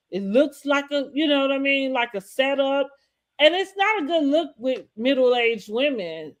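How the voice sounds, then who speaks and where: A woman co-hosting a casual, opinionated recap chat, rambling and often restating her points mid-thought. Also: sits high. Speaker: co-host of a reality TV recap show.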